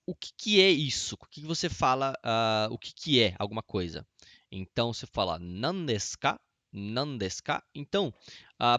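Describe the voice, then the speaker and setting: A man's voice: medium pitch, fairly bright tone, no room sound, studio quality. Chatty young man teaching a lesson. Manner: chatty, explains with repeated examples and jokes. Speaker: Japanese language teacher. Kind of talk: casual video lesson.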